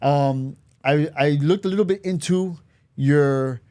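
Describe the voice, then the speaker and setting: A man's voice: a little high, slow, mellow. A man hosting a podcast interview, asking friendly questions and agreeing often. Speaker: podcast host. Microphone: podcast studio mic.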